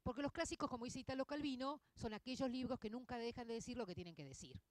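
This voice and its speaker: Argentine woman in her 50s, veteran literature teacher addressing a room, lively and conversational, dry close sound. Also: on the high side, quick pace, no room sound. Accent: Argentine Spanish. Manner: expressive, frequent tag questions "¿no?" and "¿eh?". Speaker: literature teacher giving a public talk. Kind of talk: conversational lecture to an audience.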